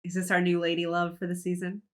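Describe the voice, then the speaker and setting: A woman's voice: lowish voice, monotone, quick pace. A woman giving casual live reaction commentary, exclaiming often and thinking aloud as she watches. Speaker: reaction video host.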